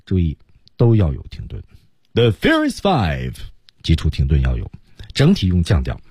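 A man's voice: a bass voice, sing-song, brisk, warm tone, husky, no echo, studio quality. A man teaching English on the radio, explaining pronunciation step by step.

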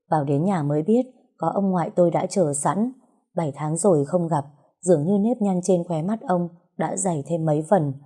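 A woman narrates a novel in the first person, reflective and emotional in her storytelling. Her voice is low-pitched and very mellow, with no brightness at all. The delivery suits an audiobook.

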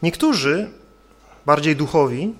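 A man's voice: fairly high pitch, expressive, a little slow. A male preacher delivering an earnest sermon, building his points with rhetorical questions.

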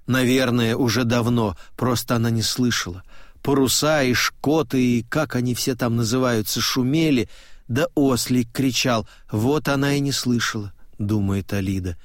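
A man narrating an audiobook in a calm, measured, even way. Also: mid-range voice, no room sound, studio quality. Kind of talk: scripted narration.

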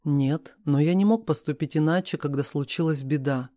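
Calm stubborn husband, read by a man. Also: fairly high pitch, normal speed, no room sound, clean studio sound, lightly acted.

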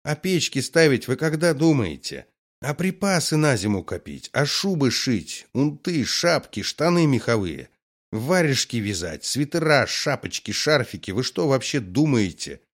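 A man's voice: mid-range voice, sing-song, a little slow, voice pushed up. A man reading the part of a blunt, scornful army colonel who scolds and gives firm orders.

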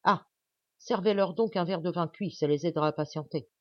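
A woman voicing a gruff, impatient middle-aged male doctor who blusters and grumbles. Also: lowish voice, a little fast, no room sound, dull audio, close to an everyday voice. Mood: exasperated.

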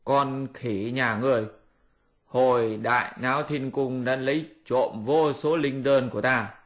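A man's voice: mid-range voice, fairly even intonation, measured pace, highs cut off, lightly acted. A man doing a stern old immortal sage. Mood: stern scolding.

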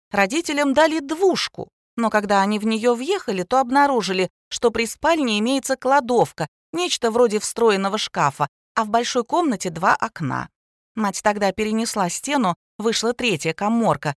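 A woman narrating a story in a lively, ironic storytelling manner. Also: fairly high pitch, moderate pace, dry recording, studio quality. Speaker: audiobook narrator. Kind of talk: scripted narration.

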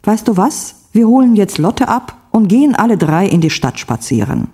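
A woman reading the part of a gentle, scheming husband who coaxes and reassures. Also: medium pitch, very animated, moderate pace, husky, pitched above the performer's own voice. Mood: coaxing. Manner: coaxing, reassuring.

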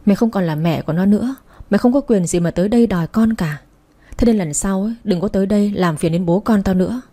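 A woman's voice: medium pitch, fast talker, dark tone, lightly acted. A woman voicing a cruel man who threatens and drives off his former lover. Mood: menacing. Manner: harsh, threatening.

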